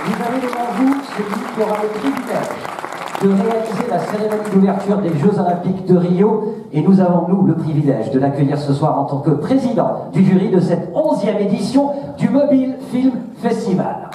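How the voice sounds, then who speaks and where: A man's voice: sits high, brisk, dark tone. A man hosting a ceremony on stage, introducing guests in an emphatic, showmanlike way. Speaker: ceremony host. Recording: echoey hall, distant, crowd, faint noise.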